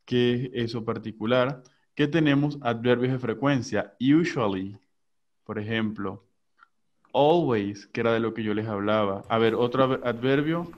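Man teaching English over a dull call line. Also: medium pitch. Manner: switches between slow English examples and quick Spanish explanations. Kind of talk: online class.

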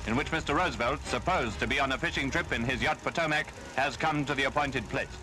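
A man narrating an old newsreel in a crisp, formal 1940s announcer delivery. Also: mid-range voice, fast. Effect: old newsreel narration played from archive film. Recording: distant old newsreel soundtrack with music.

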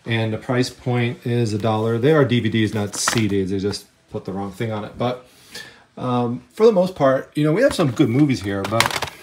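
Walking through an estate sale house with a handheld camera in first-person view, a treasure-hunting vlogger talks casually, leaning on "I mean" and "you know." His mid-range voice is expressive and a little mellow, his pace moderate, and there's slight background noise.

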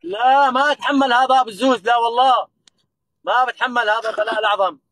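A man's voice: very high-pitched, steady tone, fast talker, a bit bright, no room sound, rough recording. An older man with a Levantine Arabic accent, bantering on a livestream in a grumbling, exasperated manner. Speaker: livestream guest sheikh.

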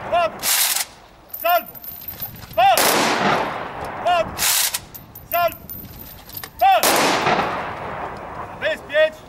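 A man barking clipped military commands like a drill sergeant, with long pauses, outdoors on a parade square. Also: extremely high pitch. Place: open-air town square at a military ceremony. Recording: noisy outdoor recording, at a distance.

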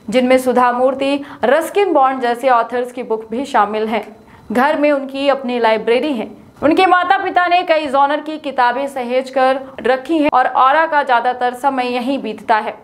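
A young woman presenting a scripted news report. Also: sits high.

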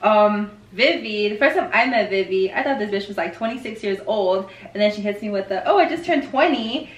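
A woman's voice: medium pitch, expressive, fairly quick, muffled recording. A woman in her late twenties co-hosting a podcast, chatting casually and rambling with friends around a table mic in a living room. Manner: chatty, rambling, laughs often. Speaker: podcast co-host. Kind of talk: casual chat among friends. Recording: roomy living room sound.

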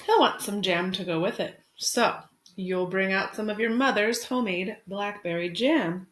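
With a medium-pitched voice at normal speed, an elementary school teacher in her thirties speaks simply and expressively to children, the way one reads a picture book. She is in a small room at home, recorded by a webcam with faint noise.

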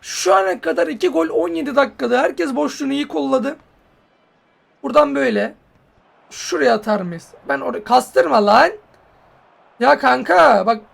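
High, gravelly excitable man gaming. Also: normal speed, long pauses. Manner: excitable, joking, swears and yells at players. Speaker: mobile football gamer. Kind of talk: casual gameplay commentary.

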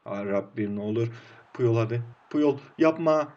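A man in his twenties commentating his own football game play, swinging from hushed groans to excited outbursts. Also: medium pitch, unhurried, lo-fi sound. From Turkey. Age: 20s. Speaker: mobile football game streamer. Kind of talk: live gameplay commentary.

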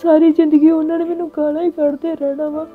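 A woman's voice: high voice, little pitch movement, quick pace, narrow, tinny audio, soft background music, natural voice. A woman playing a young blind daughter who blames herself as a burden, speaking plaintively. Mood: self-reproaching. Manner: plaintive, self-reproaching. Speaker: actor in a family short film. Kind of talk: melodramatic village drama acting.

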